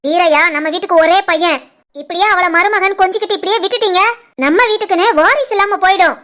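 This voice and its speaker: A woman voicing a spiteful, taunting young sister-in-law in an animated family cartoon, with a Tirunelveli Tamil accent. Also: very high voice, fast talker. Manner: taunting, accusing.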